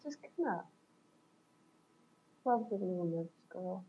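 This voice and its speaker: A woman's voice: lowish voice, animated, measured pace, dull audio, a little hiss or hum. A woman on a reflective coaching call, talking thoughtfully and searching for words, laughing often. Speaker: coaching client.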